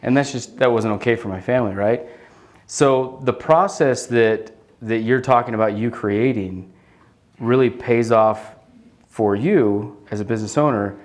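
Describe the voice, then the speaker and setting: A man's voice: mid-range voice, unhurried. A man hosting an on-stage interview, asking questions in a conversational way and checking in with "right?". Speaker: interviewer, host.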